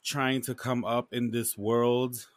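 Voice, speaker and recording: A man co-hosting a podcast, chatting in a slangy, expressive, casual way. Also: mid-range voice, slow pace, dry recording, clean studio sound. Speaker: podcast co-host. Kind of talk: casual chat.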